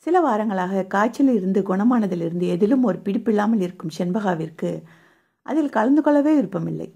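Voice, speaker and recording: Husky, gravelly woman narrating a novel. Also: medium pitch, fairly quick. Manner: steady storytelling. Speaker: audiobook narrator.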